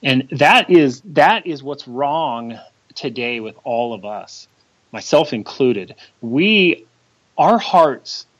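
A man's voice: mid-range voice, lively intonation, takes it slowly. Earnest man discussing faith, slightly muffled. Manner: earnest, quotes scripture at length. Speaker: co-host. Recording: slightly dull lo-fi sound.

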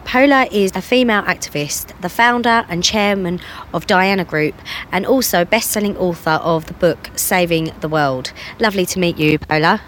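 A woman hosts an interview in a fairly low voice. She asks questions in an easy, conversational way, with a few fillers. Faint noise sits in the background. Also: moderate pace, fairly bright tone. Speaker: interview host.

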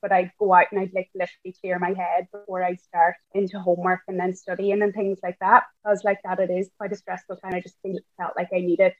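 A woman's voice: on the low side, level tone, quick pace, hardly any pauses, no room sound. Donegal Irish woman on a phone-like line. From County Donegal, Ireland. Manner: chatty, frequent "I suppose" and "like". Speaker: podcast guest. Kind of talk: conversational interview answers. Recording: thin phone-like remote line.

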